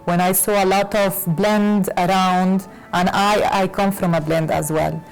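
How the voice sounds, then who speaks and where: A woman fashion designer from Lebanon, raised in Latin America, answering interview questions with many pauses and fillers. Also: mid-range voice, fairly even intonation, faint music behind, poor audio. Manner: hesitant, many fillers and restarts. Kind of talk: conversational interview.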